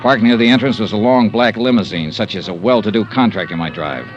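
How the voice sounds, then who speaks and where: An American man is the lead actor and narrator of an old-time radio detective drama, playing a tough insurance investigator with terse, clipped, matter-of-fact narration and a dry mood. He has a fairly low pitch and speaks a little fast, lightly acted. The vintage recording has its highs cut off and faint music behind him.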